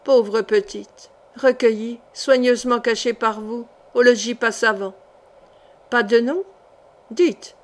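A woman voicing a cold, cruel queen who speaks calmly and coldly and threatens with quiet menace, in an audiobook reading. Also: on the high side, slow pace. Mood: icy, menacing. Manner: calm, then icy and threatening.

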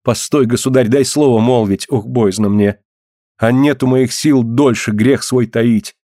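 A man reading the part of a grieving boyar's wife in an audiobook, speaking in an archaic, pleading, hushed way. His voice stays close to his own. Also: medium pitch, unhurried, no echo, lightly acted. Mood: guilt-stricken. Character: grieving guilt-stricken old-Russian boyar's wife, middle-aged woman.

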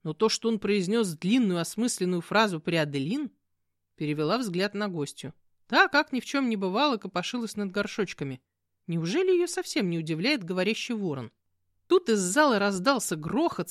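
Woman narrating a fantasy book, expressive, mid-pitched, dry close mic. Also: no echo. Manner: expressive, animated reading. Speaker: audiobook narrator. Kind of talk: first-person fantasy audiobook narration.

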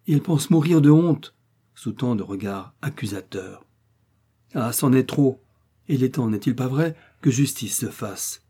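A man giving an expressive, emphatic audiobook reading of a literary essay. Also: medium pitch, slightly rough. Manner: emphatic, swelling rhetorical delivery. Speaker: reader.

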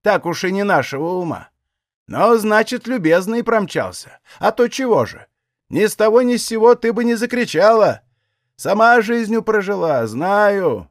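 A man's voice: sits high, sing-song, moderate pace, dry recording, clean studio sound, pitched above the performer's own voice. A man voicing a nosy old Cossack aunt. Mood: prying. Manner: chiding, fussy village speech.

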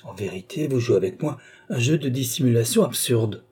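A man voicing a brusque, impatient old baron who scolds his daughter with sharp, insistent lines. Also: mid-range voice, expressive, brisk, breathy edge. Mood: scolding, impatient.

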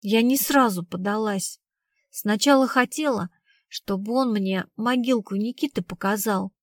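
A woman's voice: medium pitch, measured pace, no room sound, studio quality, natural voice. Woman doing a blunt streetwise young woman. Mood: flat. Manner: slangy, blunt storytelling. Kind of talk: audiobook reading.

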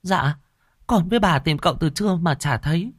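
A man's voice: a little high, a little fast, a bit bright, no room sound, clean studio sound, voice pushed up. A man voicing a timid, dutiful young servant girl who speaks politely and anxiously.

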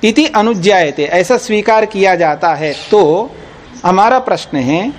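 A man teaching a class, slowly reciting Sanskrit sutras and then explaining them plainly in Hindi, often checking whether his students follow. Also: sits high, expressive, slight background noise. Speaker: teacher of Nyaya philosophy. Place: teaching hall of an ashram.

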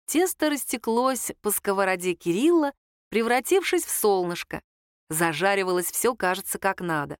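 A woman narrating a novel in an even, lightly wry storytelling manner. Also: medium pitch, moderate pace, clean tone, no room sound, clean studio sound. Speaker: audiobook narrator. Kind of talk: scripted narration.

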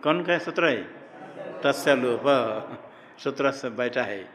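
A male teacher works through a grammar lesson at an unhurried pace. He repeats each term and keeps quizzing his students. His voice rings with the long reverb of a large hall. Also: mid-range voice, expressive, fairly bright tone. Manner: slow, repeats terms and quizzes the class. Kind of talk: classroom teaching with questions to students. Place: ashram classroom.

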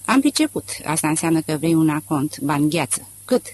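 A man's voice: a little high, big pitch swings, dry recording. A male audiobook reader voicing a slight, suspicious farmer who bargains in short, grudging phrases. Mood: grudging haggle. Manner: curt, grudging, haggling.

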